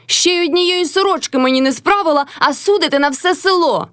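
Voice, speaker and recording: A woman voicing a defiant, sharp-tongued young peasant daughter-in-law who mocks and quarrels. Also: high voice, expressive, a little fast, dry recording, clean studio sound, pitched above the performer's own voice. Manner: mocking, quarrelsome.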